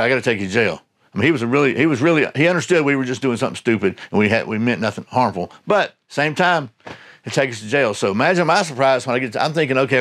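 A man's voice: mid-range voice, fairly bright tone. A man hosting his channel, telling a personal story in a rambling, conversational way that often corrects itself. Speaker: channel host. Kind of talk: casual storytelling monologue.

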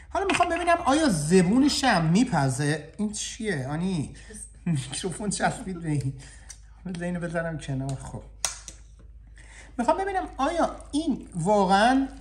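A man's voice: fairly high pitch, a little hiss or hum. A man hosting a casual cooking vlog from a kitchen, joking and talking straight to his viewers through a clip-on mic. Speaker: chef. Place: indoor kitchen.

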